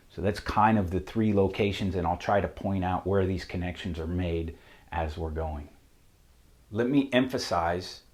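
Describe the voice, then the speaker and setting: Southern-accented male mechanic, low-pitched, methodical whiteboard instructor. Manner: methodical, plain-spoken, steady. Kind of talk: technical how-to explanation. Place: shop with a whiteboard.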